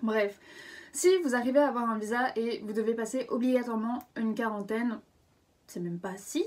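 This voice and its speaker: A woman's voice: on the high side, darkish tone, recorded from a distance. A French woman in her twenties chatting casually in a vlog, full of fillers and self-corrections. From France. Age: 20s. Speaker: vlogger.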